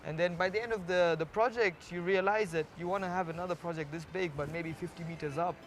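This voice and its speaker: A man's voice: high voice, steady tone, quick pace. A man talking casually and reflectively as a street artist in a documentary, often repeating words for emphasis. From Kenya. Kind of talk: casual documentary interview and walk-along talk.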